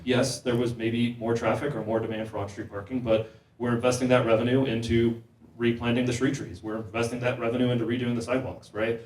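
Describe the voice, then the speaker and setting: A man speaking at a panel discussion, talking quickly and repeating words as he thinks. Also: medium pitch, darkish tone. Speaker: panel speaker on housing policy. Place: event hall. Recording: echoey room, mic heard from a distance.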